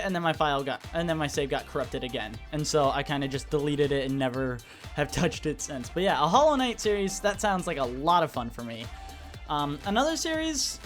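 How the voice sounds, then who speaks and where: A young man hosting a gaming channel, giving a casual, rambling update with lots of restarts and fillers. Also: sits high. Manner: rambling, self-correcting, laid-back. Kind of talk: casual update vlog over gameplay. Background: soft background music.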